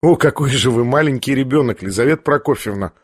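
A gentle, earnest young prince, read by a man speaks softly in a low, husky voice. He reasons mildly and patiently. The sound is dry and close. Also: quick pace, no echo, close to an everyday voice.

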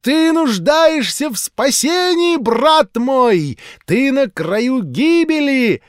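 A man voicing a fervent old street preacher woman in an audiobook, loud and drawn-out in a preaching manner. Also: very high voice, sing-song, smooth, no echo, studio quality, voice pushed up, heavily acted. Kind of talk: audiobook reading.

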